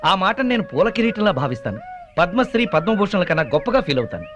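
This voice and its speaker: A man's voice: sits high, sing-song, very fast, fairly bright tone. A man playing a devoted husband who declaims his pride in a grand, speech-like way, in a film scene with music behind. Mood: proud. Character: proud, doting young husband. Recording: film audio with music underneath.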